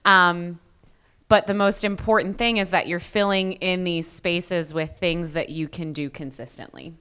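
A woman's voice: lowish voice, steady tone, a little slow, fairly bright tone, clean tone. A woman co-hosting a casual fitness podcast, explaining ideas in a chatty way. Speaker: podcast co-host, coach.

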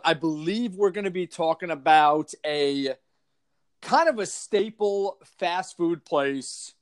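A man with a Long Island accent, co-hosting a podcast in a casual, jokey chat. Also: fairly high pitch. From Long Island, New York. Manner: chatty, jokey, quick restarts. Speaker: podcast co-host.

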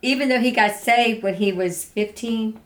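A woman's voice: a little high, normal speed. An older woman speaking as an interview guest in casual, earnest testimony, repeating phrases for emphasis.

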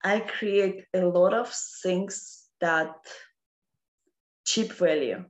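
Woman, Russian accent, slightly low pitch, slow pace, halting non-native phrasing, unscripted philosophical explaining. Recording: roomy, echoing sound.

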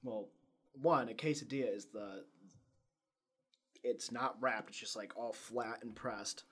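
Male podcast co-host, mid-pitched, loose rambling delivery full of fillers and restarts. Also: unhurried, a bit bright, slightly rough. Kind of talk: casual chat.

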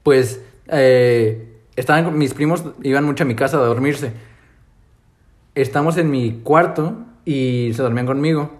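A man's voice: medium pitch, measured pace, darkish tone. A young man with a Mexican Spanish accent, telling stories in slangy casual chat and laughing often.

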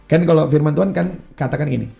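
A man preaching as a youth pastor, with a deep gravelly fry running through a dark, mellow voice. He talks earnestly and slangily, acting out the complaints of ordinary people. Soft music plays faintly underneath. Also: fast, highs cut off. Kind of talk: preaching in a podcast chat.

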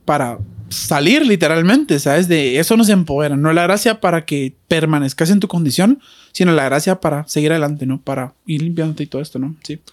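A man's voice: on the high side, a little fast. A man, a guest on a casual faith podcast, telling personal stories in an earnest, chatty way with lots of fillers.

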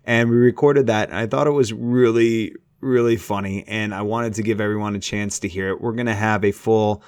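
A man introducing a podcast episode in a relaxed way, with plenty of fillers. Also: fairly low pitch, normal speed, clear, resonant tone, no room sound, studio quality. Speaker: podcast host.

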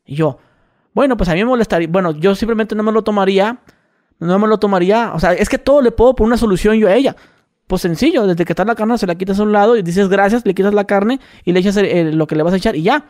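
Co-host with a Mexican accent, high voice, fast and slangy. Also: male voice, darkish tone. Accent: Mexican Spanish. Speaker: podcast co-host. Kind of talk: casual chat.

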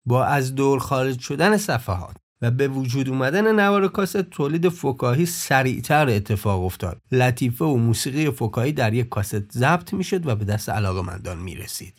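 Man, podcast narrator, middle pitch, measured informative reading. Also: lively intonation. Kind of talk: scripted documentary narration.

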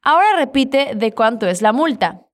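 A woman teaching Spanish, guiding learners through repetition drills in a clear, patient and encouraging way. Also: on the high side, animated, normal speed. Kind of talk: language lesson with repetition drills.

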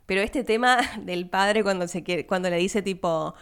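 A young Argentine woman, not from Buenos Aires, hosting a podcast and chatting casually about a film, laughing and speaking quick asides to her listeners. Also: mid-range voice, smooth. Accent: Argentine Spanish, not Buenos Aires. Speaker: podcast host.

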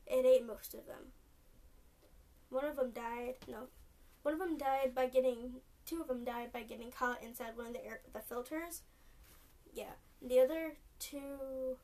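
Young woman, Californian accent, podcast host; casual rambling, fillers everywhere, slightly high voice, distant mic. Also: darkish tone. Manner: rambling, lots of "like" and "um", restarts often. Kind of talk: rambling solo podcast chat. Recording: distant mic with faint noise.

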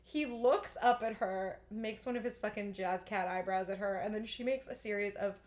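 A woman co-hosting a podcast in casual chat, animated and swearing freely as she acts out quotes. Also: medium pitch, normal speed. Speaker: podcast co-host.

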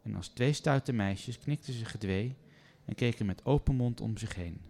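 A man reading a first-person story aloud in a calm, measured way. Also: medium pitch, gravelly.

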